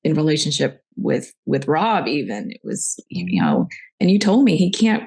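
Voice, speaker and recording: A woman's husky, darkish, low-pitched voice carries vocal fry and big pitch swings at a moderate pace. She hosts a podcast, and in this conversational interview she reflects candidly on her own experiences through personal stories.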